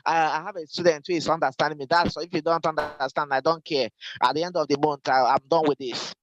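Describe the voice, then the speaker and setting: High-voiced man giving a church training lecture. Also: fairly even intonation, fast, a bit bright, muffled recording, slight background noise. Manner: repeats key points for emphasis; direct instructive tone. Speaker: Sunday school teacher trainer.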